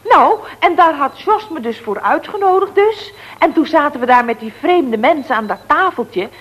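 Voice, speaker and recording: An actress playing a chatty, scatterbrained woman who rambles excitably on the phone in a 1960s radio comedy. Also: high-pitched, normal speed, poor audio. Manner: rambling, excitable, full of little tag questions.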